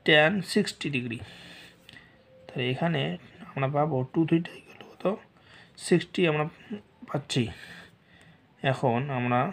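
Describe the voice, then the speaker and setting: A man teaching a math lesson slowly and patiently, walking through each step and mixing English math terms into his speech. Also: fairly high pitch.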